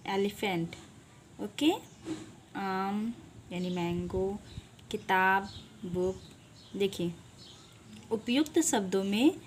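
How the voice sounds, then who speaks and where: A woman teaching an online class to young children, slowly asking questions, answering them herself and repeating key words. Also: mid-range voice, slight background noise. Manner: slow, repeats key words, stretches syllables apart. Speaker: online primary school teacher. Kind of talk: teaching a Hindi lesson to children.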